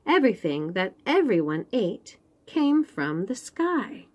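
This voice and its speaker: A woman reading a picture book aloud to young children in an expressive way, with chatty asides and questions about the pictures. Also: mid-range voice. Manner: expressive, pauses to point out pictures and ask questions. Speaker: children's read-aloud host.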